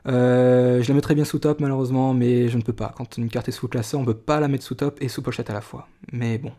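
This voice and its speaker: Chatty young man with a mellow voice. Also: medium pitch, fairly even intonation, fairly quick. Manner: chatty, many fillers and restarts. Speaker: card collector vlogger. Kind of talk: casual card-opening video.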